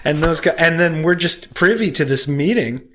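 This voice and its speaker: A man's voice: fairly high pitch, animated, moderate pace, sharp tone. A man guesting on a podcast, telling long stories in a rambling way, laughing often and quoting people in voices. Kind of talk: casual storytelling chat.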